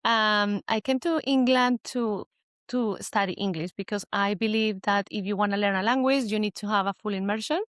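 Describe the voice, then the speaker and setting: A woman's voice: medium pitch, normal speed, fairly bright tone, no room sound, studio quality. A woman in her forties from Colombia, with a Colombian Spanish accent, talking about her business as an interview guest in a hesitant, restarting way. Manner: hesitant, many fillers and restarts. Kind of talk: casual interview chat.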